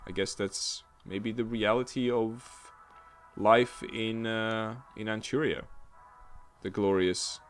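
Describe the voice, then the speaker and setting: A man's voice: deep voice, fairly bright tone. A man giving a casual spoken game review, rambling with frequent restarts and a mildly exasperated tone.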